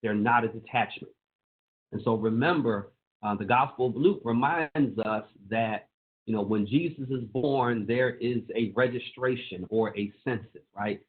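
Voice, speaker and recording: A man's voice: medium pitch, measured pace. A man who is a pastor and state legislator, giving an earnest presentation to pastors on a conference call and repeating phrases for emphasis. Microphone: phone or call line. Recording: tinny phone-line call audio.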